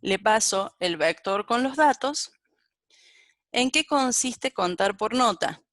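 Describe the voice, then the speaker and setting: A woman's voice: a little high, animated, slow, fairly bright tone, no room sound, clean studio sound. A woman giving a live-coding programming lecture and thinking aloud as she types and corrects herself. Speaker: programming teacher.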